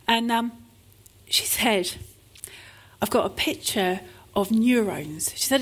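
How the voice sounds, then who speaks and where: A woman preaching a sermon, telling stories in an earnest, heartfelt way. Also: on the high side.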